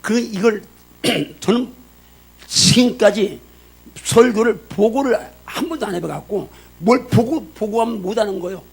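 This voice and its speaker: Gravelly older Korean pastor preaching. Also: male voice, high voice, a little slow. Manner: joking, chatty preaching with frequent laughs; emphatic exhortation, rising in volume. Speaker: guest pastor. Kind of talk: sermon.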